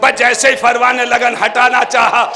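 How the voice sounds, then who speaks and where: A man reciting a mourning sermon in a hall, impassioned and often shouting and chanting the lament. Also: very high voice, monotone, normal speed. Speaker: majlis reciter. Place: indoor mourning hall gathering.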